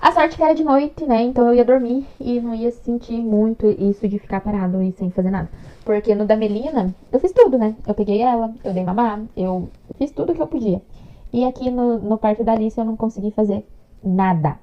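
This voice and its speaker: A woman's voice: fairly high pitch, a little fast, lo-fi sound. A young Brazilian woman telling her birth story to the camera in a chatty, emotional way, acting out what others said. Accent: Brazilian Portuguese. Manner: chatty, emotional, acts out dialogue.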